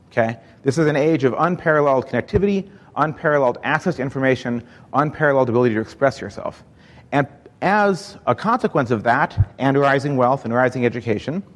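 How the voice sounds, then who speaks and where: Upbeat man speaking in a reverberant hall. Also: medium pitch. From Egypt. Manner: upbeat, engaging, quizzes the audience. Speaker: conference speaker. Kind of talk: keynote talk on stage. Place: large hall. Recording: reverberant hall, live event.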